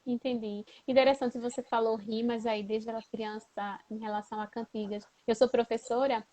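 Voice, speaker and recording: A woman's voice: a little high, little pitch movement, normal speed, mellow, poor audio. Attentive Brazilian woman interviewer. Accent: Brazilian Portuguese. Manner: attentive, affirming with short replies. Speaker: host, teacher. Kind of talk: interview questions.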